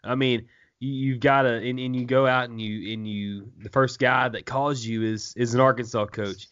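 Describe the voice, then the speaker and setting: A man's voice: mid-range voice, fairly even intonation, moderate pace, fairly bright tone. Man hosting casual sports talk, muffled audio. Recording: muffled, band-limited audio.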